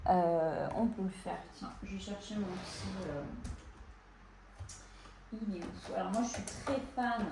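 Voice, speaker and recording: A woman from France talks easily to her audience while she works on a coloring page at home. Her delivery is relaxed and rambling, with plenty of fillers and soft asides to herself. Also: medium pitch, a little slow, pauses often, noisy background. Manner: chatty, relaxed, many fillers and soft self-talk. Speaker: coloring channel host. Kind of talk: casual chat while coloring.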